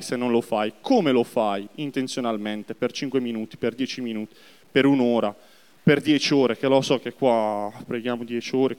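A man preaching a sermon to a congregation, speaking directly to them and asking them to respond. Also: medium pitch. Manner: lively, addresses the congregation directly. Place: church hall. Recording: long reverb of a church hall.

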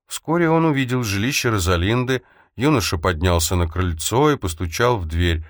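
In clean, echo-free studio sound, a man with a fairly low voice narrates an audiobook. His scripted storytelling is measured and even.

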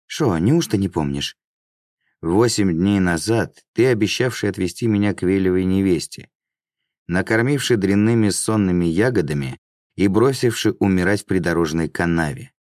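A man's voice: deep voice, normal speed, a little mellow, no echo, studio quality, voice pushed up, close to an everyday voice. A man voicing a menacing male demon who mocks and threatens in coarse, folksy speech.

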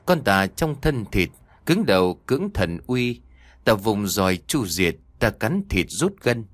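A man voicing a stern old male exorcist who loudly chants slow, forceful spells against a demon in a horror story. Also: fairly low pitch, sing-song, dry recording, exaggerated voice. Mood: commanding. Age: older.

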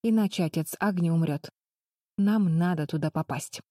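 A woman's voice: on the low side, moderate pace, mellow, no room sound, studio quality, lightly acted. A woman voicing Betty, a determined eldest sister who urges the others firmly. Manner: firm, urging, through clenched teeth.

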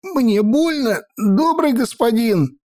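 A man voicing a frightened, wheedling male slave steward who squeaks and pleads. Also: animated, takes it slowly, mellow, exaggerated voice. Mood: pained.

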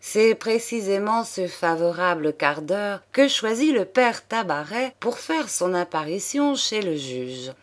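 A woman reads a classic novel aloud with measured, expressive storytelling. Her pitch sits in an ordinary middle range. The delivery is steady narration for an audiobook. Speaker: audiobook reader.

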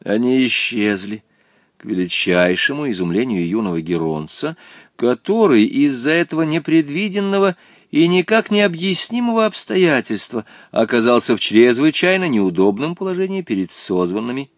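A man narrating an audiobook in an expressive storytelling manner. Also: medium pitch, normal speed, no echo, studio quality. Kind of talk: scripted narration.

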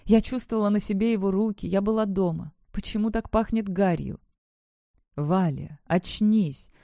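An audiobook reader giving dramatic, expressive first-person narration of a fantasy novel. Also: mid-range voice, a little fast, gravelly, dry recording, clean studio sound.

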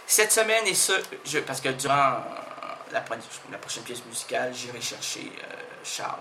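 A man's voice: mid-range voice, sing-song, normal speed. Guy hosting a goofy radio bit, rambling, lots of wordplay, faint noise behind. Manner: playful, rambling, fond of wordplay. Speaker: radio show host. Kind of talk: absurd comic radio banter.

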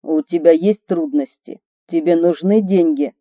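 A woman reading a boastful but tender male gang leader in slow, earnest, confiding tones. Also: on the low side, warm tone, no room sound, clean studio sound, voice pushed down, lightly acted.

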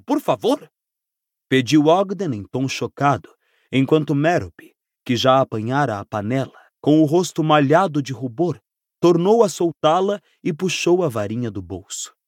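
A man narrating an audiobook with expressive, dramatic storytelling. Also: mid-range voice, no echo, studio quality.

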